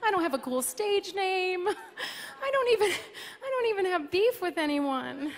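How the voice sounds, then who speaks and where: A woman's voice: very high-pitched, sing-song, a little slow. A woman hosting an awards show with a playful, self-mocking comedic monologue on a big stage. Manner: playful, self-mocking, bursts into sung lines. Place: large live arena stage. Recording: live arena sound with loud crowd. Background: audience applause and cheering.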